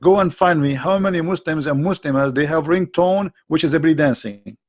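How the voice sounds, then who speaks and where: Speaking fairly quickly in a fairly high, darkish voice, a middle-aged man lectures with emphasis about religion on his live stream. His English is non-native, he frequently restarts sentences, and he reads viewer questions aloud.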